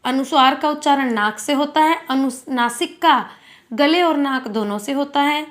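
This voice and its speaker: A woman's voice: sits high, measured pace. A woman teaching a school grammar lesson, patiently asking questions and answering them herself. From India.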